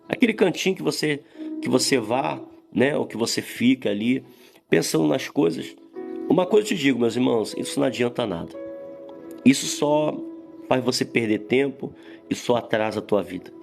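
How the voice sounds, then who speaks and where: Pastor, male, gravelly, fervent sermon over a music bed. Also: mid-range voice. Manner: fervent preaching, slows to read scripture.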